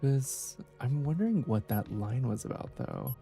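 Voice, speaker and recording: A man's voice: medium pitch, lively intonation, measured pace, creaky, mellow, soft background music. A man hosting a let's play, thinking aloud and musing over clues in casual gameplay commentary.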